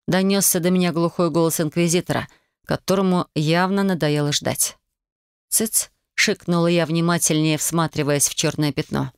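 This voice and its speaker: Мужчина размеренно и ровно читает фэнтезийную аудиокнигу от первого лица. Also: male voice, fairly high pitch, clear, resonant tone, no room sound, clean studio sound. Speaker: audiobook reader. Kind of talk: fantasy audiobook narration in first person.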